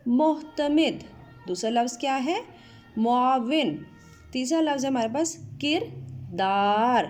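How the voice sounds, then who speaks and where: A woman teacher from Pakistan giving an online Urdu lesson to students, drawing out each word slowly as she spells it. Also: high-pitched, lively intonation, faint music behind. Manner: slow, drawn-out spelling of words. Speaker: school teacher.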